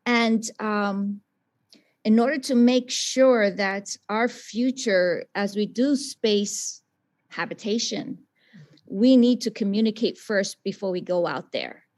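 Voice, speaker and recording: Speaking slowly in a medium-pitched, darkish voice, a South Bronx, New York woman who is a scientist and teacher gives a passionate, emphatic answer on a webinar panel.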